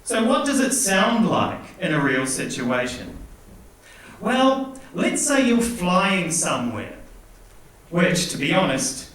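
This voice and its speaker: A man with a New Zealand accent emcees a live stage show, cracking self-mocking jokes in a slow, lively voice that sits a little high. He is heard from a distance in a very echoey hall, with audience noise clear behind him. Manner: playful, self-mocking jokes with hesitant fillers. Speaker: master of ceremonies and English teacher. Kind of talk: stand-up comedy hosting a live stage event. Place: large indoor theatre hall. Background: audience laughter and room ambience.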